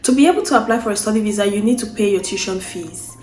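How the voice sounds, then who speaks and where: A young woman from Cameroon talks casually through a step-by-step process, restarting and repeating herself as she works out each point. Her voice sits at a medium pitch and rings in an echoey room. Faint music plays underneath. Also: quick pace, a little mellow. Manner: unscripted, with restarts and repeated phrases while explaining steps. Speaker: vlogger. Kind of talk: casual explainer talk to camera.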